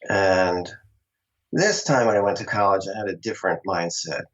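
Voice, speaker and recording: In a casual interview, a middle-aged actor from Long Island, New York, chats about his beginnings in acting and laughs frequently. He has a low-pitched voice at a moderate pace, and the sound is dull and lo-fi.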